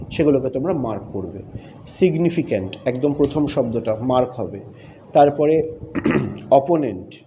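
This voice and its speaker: A man, teaching a textbook lesson to children step by step and reading English sentences slowly. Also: fairly high pitch, dark tone, highs cut off, a little hiss or hum. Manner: clears his throat now and then.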